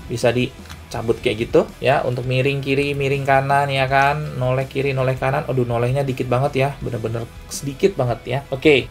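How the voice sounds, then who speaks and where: A man, chatting casually as he reviews a collectible action figure and keeps saying guys and ya to his viewers. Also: mid-range voice. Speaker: toy reviewer.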